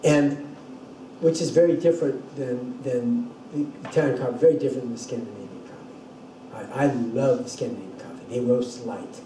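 An older man speaks at a normal speed in a warm, mid-range voice while giving a university lecture, thinking aloud and often beginning sentences again. Slight background noise, an echoey space, and a distant mic mark the recording.

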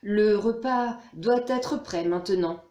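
A woman's voice: medium pitch, slow, darkish tone, highs cut off, voice pushed up, natural voice. A woman voicing a clever, coaxing father. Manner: coaxing, reasonable. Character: clever village father, calm and persuasive. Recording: roomy echo.

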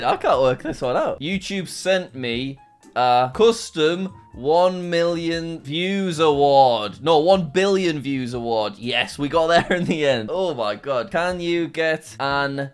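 A man's voice: very animated, takes it slowly, soft background music. Laughing young man with a Northeast English accent. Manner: chatty, laughs often, sudden high-pitched exclamations. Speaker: YouTuber host. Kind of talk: casual reaction commentary.

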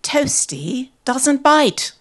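A woman voicing a calm, prim British woman dog owner with a British accent, cool and dismissive. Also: sits high, very slow, voice pushed up, full character voice.

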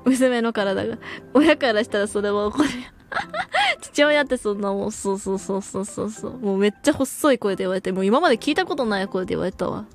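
A woman's voice: mid-range voice, sing-song, brisk, soft background music. A young woman streaming as a VTuber, chatting casually and reading viewer comments, laughing often and using slangy speech.

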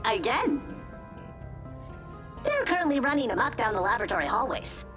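A woman's voice: a little high, very animated, moderate pace, music in the background. A woman voicing a chipper, formal lab AI that speaks precisely and politely. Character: cheerful female lab AI, politely bureaucratic.

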